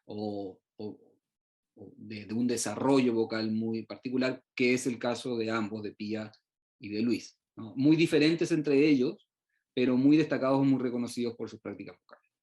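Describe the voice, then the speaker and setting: A middle-aged man, born in Uruguay and raised in Chile, gives an online research presentation, halting often with fillers and restarts. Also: medium pitch, a little mellow. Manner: hesitant, many fillers and restarts. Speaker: researcher presenting his work.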